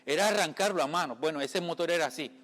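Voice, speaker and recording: In a fast, fairly high and slightly bright voice, a lay preacher from the Caribbean speaks conversationally through an informal sermon. He keeps calling his listeners brother and checking that they follow; the room leaves a long reverb.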